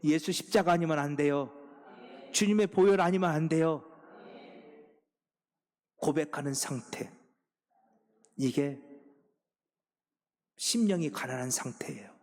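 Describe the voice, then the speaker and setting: A man's voice: on the high side, measured pace, pauses often. Impassioned male pastor in a reverberant church. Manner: swings from hushed, whispered pleading to loud shouting exhortation. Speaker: senior pastor. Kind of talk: sermon. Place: church sanctuary. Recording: long reverb of a church sanctuary.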